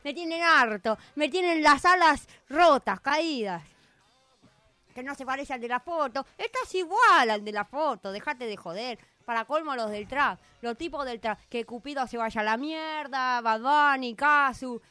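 Cupid, a broke and weary male figure, as a woman plays him, talks in a hoarse, slangy Argentine drawl full of complaints. The voice sits fairly high for a man. The sound is dry and close, with no room around it. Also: expressive, a little slow, no echo, heavily acted. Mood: grumbling. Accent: Argentine Spanish. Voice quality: hoarse from shouting. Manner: slangy, complaining, laid-back. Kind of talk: radio comedy sketch.

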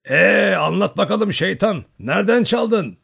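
A man doing a loud, hearty old hunter. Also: a little high, big pitch swings, brisk, vocal fry, slightly rough, voice pushed up, exaggerated voice. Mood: teasing. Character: boisterous old male hunter, loud and teasing.

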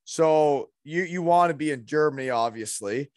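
Higher-pitched Canadian hockey-bro interviewer, dry sound. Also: male voice, moderate pace, darkish tone, no echo. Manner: bantering hockey-bro slang, often ending on "eh". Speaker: interviewer and former hockey player. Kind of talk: casual chat.

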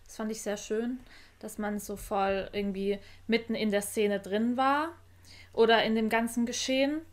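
A woman with a fairly high voice chats casually. She is thoughtful and hesitant, often pausing and searching for words. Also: fairly even intonation. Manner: thoughtful and hesitant, many fillers. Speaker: listener. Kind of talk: casual chat.

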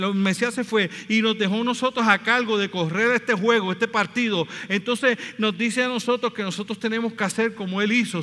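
A man's voice: high-pitched, pushed and bright. A man preaching a sermon as pastor, passionately retelling scripture stories and acting out their dialogue. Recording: long hall reverb.

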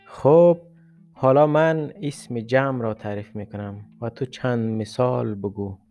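A man's voice: mid-range voice, dark tone, soft background music, natural voice. A man voicing a stern male schoolteacher who speaks in a dry, formal way.

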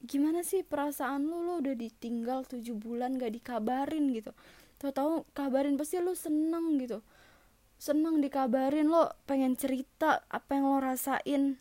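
A young woman telling a personal story in an emotional, halting way, often restarting her sentences. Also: sits high, dark tone, dry recording.

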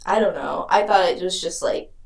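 A woman's voice: lowish voice, moderate pace, creaky, echoey room, distant mic. A woman co-hosting a podcast in casual chat, frank and profane, often laughing. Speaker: podcast co-host. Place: small room.

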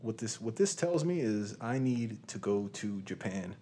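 Young frat bro, lowish voice. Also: male voice, expressive, measured pace, mellow, slight background noise. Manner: slangy, teasing frat-bro talk. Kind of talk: casual banter between friends.

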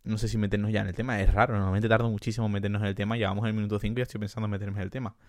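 A man's voice: on the low side, level tone, rapid-fire, dry recording, clean studio sound. A young man hosting his own podcast, chatting casually and rambling on his own, sometimes self-deprecating, stressed by his exams. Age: young adult. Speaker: podcast host. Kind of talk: casual solo chat.

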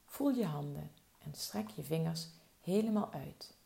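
Soft-spoken woman with a gravelly voice. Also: low voice, expressive. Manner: slow, soft, soothing instructions. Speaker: relaxation guide. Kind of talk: guided body-relaxation meditation.

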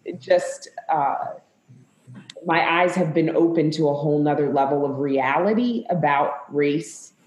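Low-voiced woman, halting and emotional. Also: darkish tone. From Zambia and the US. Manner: halting, many fillers, emotional. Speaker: pastor. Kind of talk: live conversation panel. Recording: echoey room.

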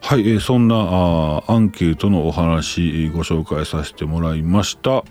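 A man's voice: low-pitched, normal speed, a little mellow, soft background music. A man with a Kansai accent hosting a casual talk show, reading listener letters aloud and chatting about them with his own asides. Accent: Kansai Japanese. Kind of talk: casual chat.

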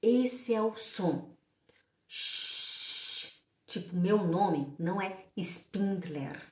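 A woman teaching German in a casual online lesson, chatty, repeating words slowly to model pronunciation. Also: mid-range voice, dark tone, recorded from a distance. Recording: echoey room, voice a bit off-mic.

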